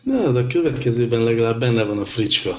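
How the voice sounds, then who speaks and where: A man co-hosting a podcast in casual tech banter, speaking in a measured, deliberate way with hesitant fillers. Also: mid-range voice, lively intonation. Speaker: podcast co-host. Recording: dull lo-fi recording with faint noise.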